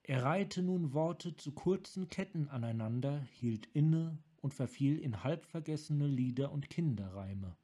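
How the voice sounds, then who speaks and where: A man narrating a fantasy story in a calm storytelling manner for a fan audiobook. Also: fairly high pitch, unhurried, few pauses.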